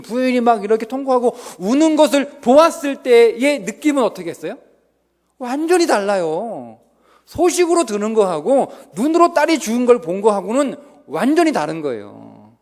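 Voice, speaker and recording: A male pastor preaching a revival sermon, swinging from loud outbursts to whispers, recorded in a church sanctuary. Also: extremely high pitch. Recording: reverberant church hall.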